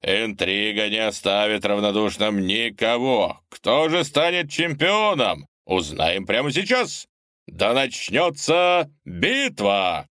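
A man voicing an excited arena announcer man who calls out the fight in a drawn-out showman style. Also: fairly low pitch, no room sound, studio quality, full character voice. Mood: hyped.

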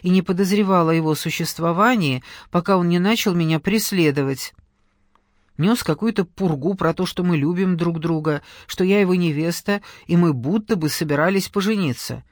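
A man's voice: sits high, moderate pace, dry recording, studio quality, close to an everyday voice. A man voicing a young woman on the phone, curt and brusque, plainly exasperated with the caller. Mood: dismissive. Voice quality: clipped, brusque. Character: sharp-tongued young woman, hostile then grudging.

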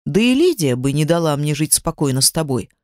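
A reader lowering the voice for a gruff young husband. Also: big pitch swings, brisk, dry recording, clean studio sound, natural voice. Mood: curt, steady. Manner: terse, clipped.

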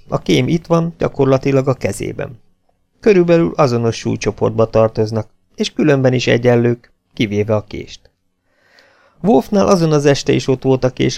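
A man narrating a novel in an audiobook, reading in an even, steady way. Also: mid-range voice, vocal fry.

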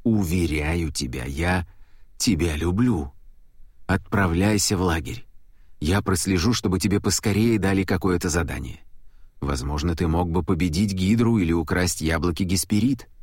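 A man voicing a sad male god who speaks in a low, grave, quiet way. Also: moderate pace, slightly rough, no room sound, studio quality. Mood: solemn.

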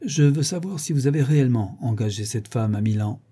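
A man voicing an effusive, teasing French theatre director in a storybook reading, pitched above his narrating voice. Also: expressive, fairly quick, warm tone, slightly rough. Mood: jovial. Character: jovial, talkative middle-aged French theatre director.

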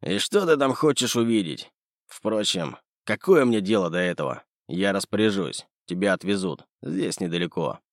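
A gruff, bullying middle-aged businessman, voiced by a male reader in a low voice. His speech rises and falls widely as he sneers, and the recording is close and dry. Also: lively intonation, moderate pace, no room sound.

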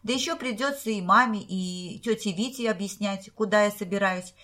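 A woman's voice: mid-range voice, normal speed, fairly bright tone, close to an everyday voice. A woman reading the part of a playful, teasing teenage girl in a storybook.

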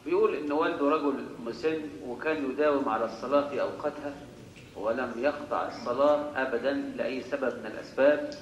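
A man reading out worshippers' written questions at a mosque lecture, in an even, steady reading manner. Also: medium pitch, quick pace, echoey room, highs cut off, a little hiss or hum. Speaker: reader of submitted questions. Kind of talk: reading letters aloud.

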